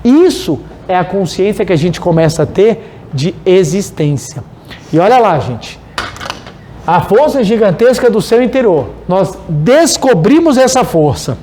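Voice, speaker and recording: A man with a Brazilian Portuguese accent giving a religious study talk, animated and telling stories while speaking straight to his audience. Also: high-pitched, a little slow, a little hiss or hum. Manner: animated, storytelling, addresses the audience directly. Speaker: spiritual lecturer.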